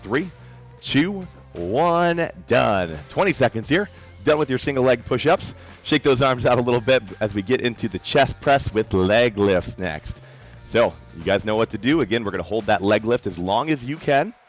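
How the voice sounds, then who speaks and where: A man's voice: mid-range voice, expressive, normal speed. A man leading a workout class as fitness coach, giving encouraging instructions and counting down each exercise. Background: faint background music.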